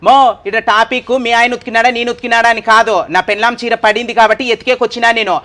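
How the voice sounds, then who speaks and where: A man's voice: very high voice, level tone, quick pace, pushed and bright. A man playing an aggrieved neighbor in a comedy skit, complaining and pleading indignantly.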